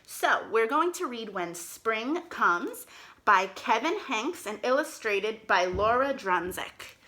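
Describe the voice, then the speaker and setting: A storytime host reads aloud to young children in a high-leaning voice at a slow pace, expressive and sing-song. She speaks to them directly with questions and encouragement, on a rough recording.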